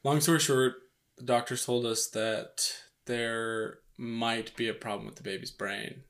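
Young man, middle pitch, casual vlog chat, relaxed, joking, filler words. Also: unhurried. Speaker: vlog co-host, expectant father. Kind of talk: casual couple chat to camera. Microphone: microphone on camera.

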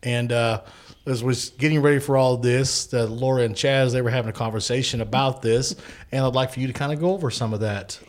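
A man's voice: medium pitch, fairly even intonation, brisk. A man hosting a podcast in a casual, easygoing and supportive way, with many "uh" fillers. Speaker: podcast host. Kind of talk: casual chat.

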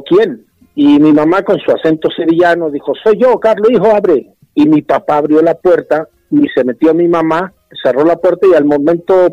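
A man, an interview guest who tells a family anecdote in an animated way. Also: fairly high pitch, dry recording. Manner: animated storyteller who acts out voices. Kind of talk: reminiscing storytelling. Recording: dull, dry broadcast audio.

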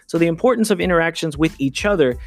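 A man's voice: on the high side, expressive, quick pace, vocal fry. Man teaching, chatty lecture, faint music. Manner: conversational, acts out quoted lines. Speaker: high school English teacher. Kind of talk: recorded review lecture.

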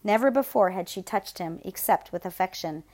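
A woman narrating a novel aloud in a steady, measured, grave storytelling voice. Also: mid-range voice. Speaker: audiobook narrator.

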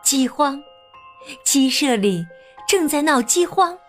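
A woman reading a children's story aloud in an animated way, putting on voices for the characters. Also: sits high, takes it slowly, faint music behind.

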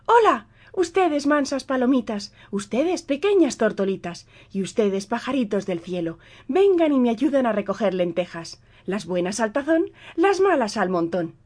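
A woman voicing a gentle young girl, calling out in a high, slow, pleading voice. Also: lightly acted.

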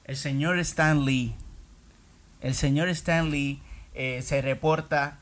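A man's voice: on the high side, fairly even intonation, takes it slowly, fairly bright tone. A man with a Puerto Rican accent co-hosting a casual comedy podcast, irreverent and profane with a mock-solemn delivery. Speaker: podcast co-host.

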